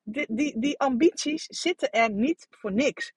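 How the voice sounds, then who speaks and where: A woman's voice: high voice, a little slow, darkish tone, breathy edge, no room sound. A woman in her thirties hosting a solo podcast, talking frankly and coaching her listeners, swearing casually, with many fillers and restarts. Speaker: podcast host. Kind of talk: candid solo podcast monologue.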